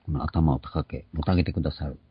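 A man's voice: very deep voice, fairly even intonation, quick pace, slightly rough, dry recording. An older man preaching an earnest sermon, explaining and stressing key words. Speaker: pastor. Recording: dull lo-fi recording.

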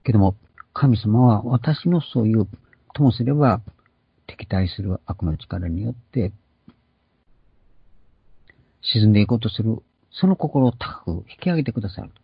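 Deep, very husky older male preacher. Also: expressive, moderate pace, dry recording. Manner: earnest, explanatory, stresses key words. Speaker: pastor. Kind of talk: sermon. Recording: dull lo-fi recording.

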